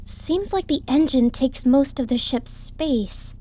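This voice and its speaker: In a science fiction audiobook, a woman voices a youthful, easily awed sidekick with eager, openly expressive enthusiasm. Her high-pitched delivery is slow, curious, and insistent.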